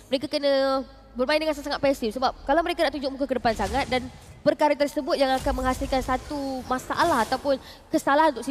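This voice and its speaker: A man with a Malaysian accent calling a video game match as an excited, urgent fighting game announcer. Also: extremely high pitch, a little hiss or hum. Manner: excited, urgent, shouted calls building through the action. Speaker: esports play-by-play commentator. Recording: broadcast with loud music behind. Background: music.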